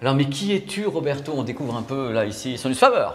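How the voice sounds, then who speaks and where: A man's voice: mid-range voice, sing-song, fast talker, husky. A man hosting a vlog on a factory tour, talking with joking enthusiasm and exclamations as he walks around. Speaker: video host. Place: walking indoors and outdoors at a factory.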